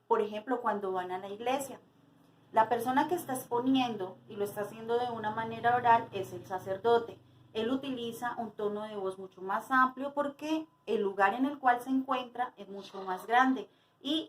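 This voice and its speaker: Woman, teacher, higher voice, slow explanations, rhetorical questions, classroom lesson. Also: fairly bright tone, rough recording. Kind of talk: spoken lesson for students.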